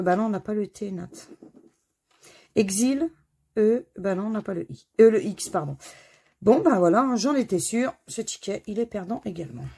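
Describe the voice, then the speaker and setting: With a warm, gravelly voice at medium pitch, a middle-aged woman comments casually while scratching crossword lottery tickets at home, in a corner being renovated. She's a scratch-card video host, talkative and self-deprecating, spelling letters out one by one, and there's slight background noise.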